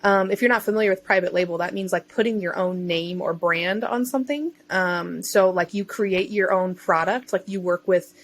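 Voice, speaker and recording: A self-employed digital marketer who also sells books online, speaking as a podcast guest. Her voice sits at medium pitch and moves at a moderate pace with few pauses. She tells her own story in a chatty, informal way, often interjecting herself.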